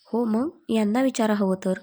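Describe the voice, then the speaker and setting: A woman's voice: a little high, normal speed, dark tone, close to an everyday voice. A woman playing a playful young bride-to-be. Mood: tender. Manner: coaxing, playful.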